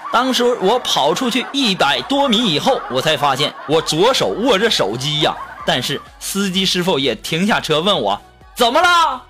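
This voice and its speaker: A man hosting a show, reading listener jokes in a lively, teasing comic way. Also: fairly high pitch, moderate pace, few pauses. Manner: lively, teasing, acts out quotes. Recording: music playing behind.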